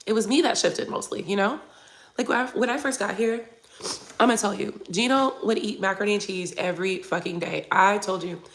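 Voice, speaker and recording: A tarot reader in her forties hosts a live stream, chatting candidly with viewers, reading comments, and swearing casually now and then. Her medium-pitched voice has a gravelly fry at the bottom and runs a little fast. Under the weather, she keeps clearing her throat over slight background noise.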